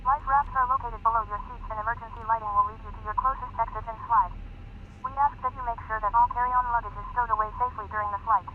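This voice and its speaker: A man's voice: very high-pitched, fairly even intonation, quick pace, a little hiss or hum. A man voicing a polite male flight attendant giving a scripted cabin safety announcement over a tinny aircraft PA speaker. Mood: formal.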